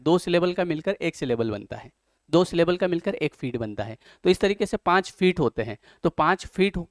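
A man teaches an exam-prep lesson in a slightly raised, lively register, recorded close in a dead, dry room. He walks through the material step by step, keeps asking questions and answering them himself. English passages come out slowly and carefully between his explanations. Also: a little high, no room sound.

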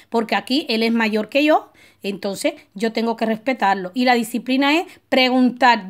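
A woman with a high voice talks her listeners through ritual advice in a loose, conversational way. She preaches a little and keeps checking in with short tag questions. She often drifts into personal stories before coming back to the point. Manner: digressive, with restarts and personal anecdotes. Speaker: spiritual advisor teaching a ritual. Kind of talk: casual spoken advice talk.

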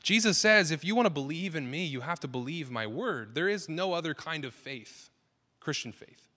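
A man's voice: on the high side, lively intonation, normal speed, bright, forceful tone. A man in his thirties, a pastor giving an earnest, conversational sermon that builds in emphasis. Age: 30s. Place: church sanctuary. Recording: long reverb of a church hall.

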